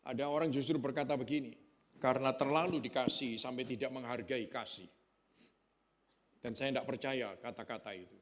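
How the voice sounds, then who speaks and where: A male pastor delivering a sermon, building loud and slow on key phrases and dropping quiet to tell a story. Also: mid-range voice.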